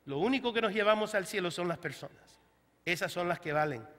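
A man's voice: high-pitched, animated, fairly quick, a bit bright. A man preaching a sermon as pastor, telling humorous stories and acting out the voices of the people he quotes. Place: church hall. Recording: church hall reverb.

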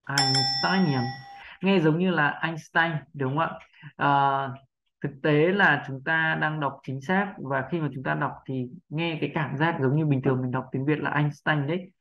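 A patient pronunciation teacher gives a lesson at a mid pitch, drilling each syllable slowly and saying it again and again. The teacher keeps checking that listeners are following. The recording sounds slightly dull and lo-fi. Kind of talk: instructional narration.

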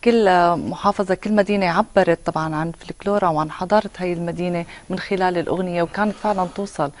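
Fast-talking Syrian woman, lowish voice. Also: steady tone. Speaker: TV host. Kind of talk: chatty studio interview. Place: TV studio, seated on sofa.

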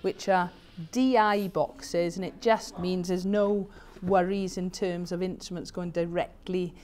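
Unhurried and a little mellow, her voice sits on the low side with fairly even intonation. She's a British band sound setter-up and vlogger, casually explaining steps as she rigs the PA in a big, bright community hall.

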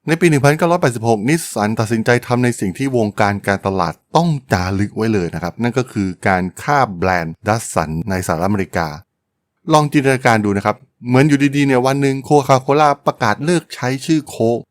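A man's voice: medium pitch, very animated, fast, dry recording, studio quality. A man hosting a podcast, telling a business history story in a polite, chatty way with frequent exclamations. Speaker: podcast host.

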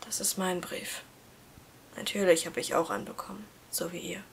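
A woman reading as a hushed, resigned teenage boy. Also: lowish voice, little pitch movement, slow pace, a little hiss or hum. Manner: soft, hushed, half-whispered. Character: teenage schoolboy, quiet best friend, resigned and gentle. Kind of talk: reading a story aloud.

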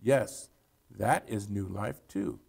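A gently earnest woman schoolteacher, as a male preacher reads her lines, speaking soft and measured. The voice has a low gravelly edge throughout. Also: heavily acted. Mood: gentle.

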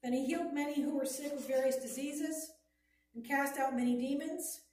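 A woman reading scripture aloud during a sermon in a steady, measured way. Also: high-pitched, a little hiss or hum. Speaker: scripture reader. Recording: echoey room, heard from a distance.

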